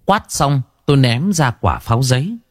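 A man's voice: mid-range voice, animated, moderate pace, no room sound. A man narrating a ghost story in the first person, dramatic and vivid.

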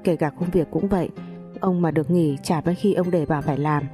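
A woman narrates a first-person story with calm, dry wit. Her voice is low and mellow, and faint music plays under her reading. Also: brisk.

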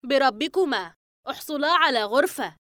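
Brief: a high, teasing young friend read by a woman for an audiobook, lively and dry. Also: brisk, no echo.

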